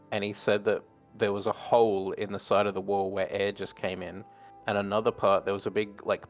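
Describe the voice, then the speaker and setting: Lowish voiced guy joking around at a tabletop game, faint music behind. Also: fairly bright tone. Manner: joking, laughing storyteller. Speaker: player. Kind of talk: casual chat at a tabletop game.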